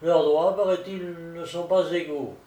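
A man's voice: fairly high pitch, steady tone, mellow, highs cut off, lightly acted. Man as a discreet confiding stockbroker. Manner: measured, confiding. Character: discreet older male stockbroker, confidential, deferential. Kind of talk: storybook reading. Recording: roomy echo, distant mic.

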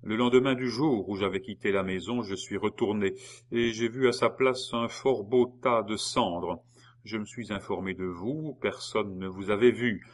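A man's voice: lowish voice, normal speed, natural voice. A man reading a sneering vengeful husband. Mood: mocking. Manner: sneering, mock-polite, taunting. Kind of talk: audiobook character reading.

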